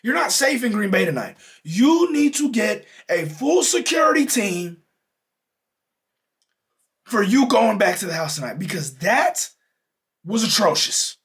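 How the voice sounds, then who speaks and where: A young man hosts a sports podcast in a high, excitable voice. He rants with heated exasperation and hammers his points home, and his voice swoops wildly up and down as he works himself up. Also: unhurried, pauses often. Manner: heated, exasperated, emphatic ranting. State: losing his voice. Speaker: podcast host. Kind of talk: animated sports reaction rant.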